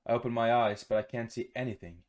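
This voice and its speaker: A mid-range male voice reads through a visual novel fast for a gaming video. He keeps it casual and expressive, swears freely, and drops in playful reactions of his own.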